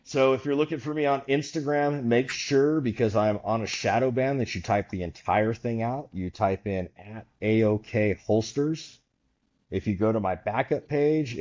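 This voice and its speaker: A man's voice: lowish voice, lo-fi sound. A man guest on a podcast, telling a long story casually and acting out the voices of the people in it. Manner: animated storyteller, acts out quoted voices.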